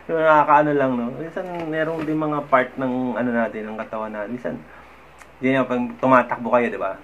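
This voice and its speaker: A man's voice: medium pitch, steady tone, moderate pace. Chatty guy vlogging anger tips, keeps saying "no?", slightly muffled audio with faint hiss. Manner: chatty, often adds "no?" and laughs softly. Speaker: vlogger giving mental health tips. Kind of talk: casual talk-to-camera advice. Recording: slightly dull, faint background noise.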